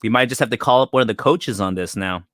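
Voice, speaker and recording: A young man chats loosely as a podcast co-host, full of fillers and restarts. His voice sits in a middle pitch range. The sound is dry and close to the mic. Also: quick pace, a bit bright, no echo. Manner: joking, rambling with fillers and restarts. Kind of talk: casual chat.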